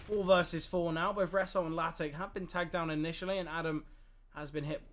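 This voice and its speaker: Excitable male esports caster, fairly high. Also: brisk, a little hiss or hum. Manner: rambling, lots of "I feel like", bursts of excitement on plays. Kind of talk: live play-by-play commentary.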